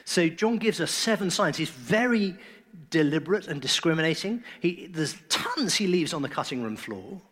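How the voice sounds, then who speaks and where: A man preaching a sermon in an earnest, emphatic way, his phrases often trailing off softly. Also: a little high, expressive, moderate pace.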